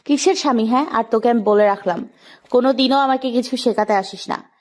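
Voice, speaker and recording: A woman's voice: fairly high pitch, a little fast, darkish tone, lightly acted. A woman voicing a rude, contemptuous young wife in an audio story. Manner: harsh, contemptuous, bossy. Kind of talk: audio drama acting.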